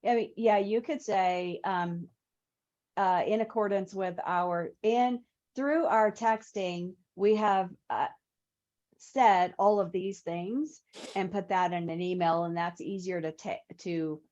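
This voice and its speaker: A woman's voice: medium pitch, steady tone, takes it slowly, a little mellow. Woman trainer on a muffled call. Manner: conversational, explains with examples. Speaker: real estate trainer. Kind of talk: teaching on a video call.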